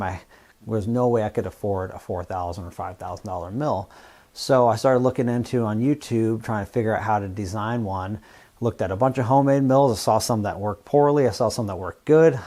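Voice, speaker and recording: Man from the US Northwest, lowish voice, relaxed, rambling, casual talk to camera. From Washington State, US Northwest. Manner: relaxed, rambling, plain-spoken. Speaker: YouTube fabrication channel host.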